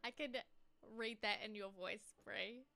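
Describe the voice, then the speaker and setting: A woman's voice: mid-range voice, unhurried, gravelly, pushed and bright. A woman with a New Zealand accent giving casual, chatty gameplay commentary as a streamer, muttering to herself with giggly asides.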